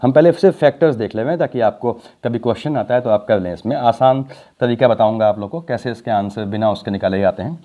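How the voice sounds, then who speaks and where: A man's voice: medium pitch, fast, dark tone. A man teaching chemistry in a recorded lecture. He works through each step with questions to the class and mixes Hindi with English technical phrases, drawing out the key words. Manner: talks the class through steps with rhetorical questions. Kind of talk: explaining at a board in a recorded lecture. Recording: dull lo-fi audio.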